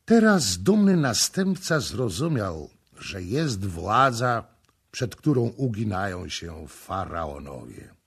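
A man reading a historical novel aloud as an audiobook narrator, with dramatic, measured storytelling. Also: fairly low pitch, very animated, husky. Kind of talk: scripted narration.

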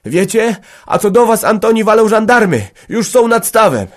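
A man voicing an excitable, hot-headed young villager who blurts out alarm. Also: sits high, moderate pace, pitched above the performer's own voice. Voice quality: breathless, excited.

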